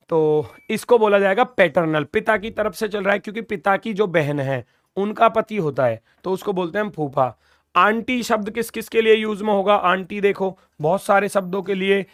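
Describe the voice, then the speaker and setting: A young man with a high, fairly bright, clean voice teaches an exam-prep lesson on a dry, clean studio recording. He patiently repeats key terms, asks his students questions, calls viewers brother, and jokes casually.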